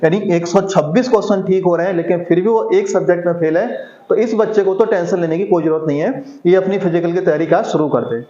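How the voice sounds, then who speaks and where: This exam-prep teacher has a mellow, high-pitched voice and moves at a quick pace. He raises rhetorical questions, answers them himself and drills key figures by repeating them, while the room echoes and the sound is dull and lo-fi.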